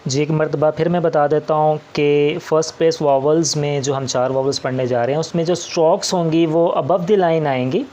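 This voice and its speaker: A man's voice: a little high, steady tone, normal speed, hardly any pauses, warm tone, lo-fi sound. A man teaching shorthand step by step, patient and repetitive, often opening with "ji". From Pakistan. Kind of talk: slow step-by-step classroom explanation.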